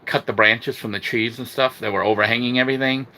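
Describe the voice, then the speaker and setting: A man's voice: medium pitch, fairly even intonation, fast, sharp tone, rough recording. A man giving an informal, rambling video update as a vlogger, hesitating and filling with "you know". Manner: informal, rambling, hesitant delivery with repeated 'you know'. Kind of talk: casual video walkthrough. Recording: faint background noise and ambience.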